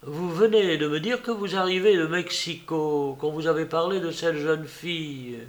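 A man's voice: fairly high pitch, normal speed, close to an everyday voice. A man reading aloud voices a polite middle-aged shopkeeper woman in a storybook.

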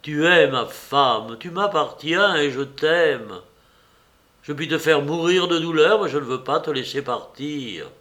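A man voicing a tormented, passionate young nobleman who speaks in loud, impassioned outbursts. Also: medium pitch, lively intonation, normal speed, hardly any pauses, lightly acted. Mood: pleading.

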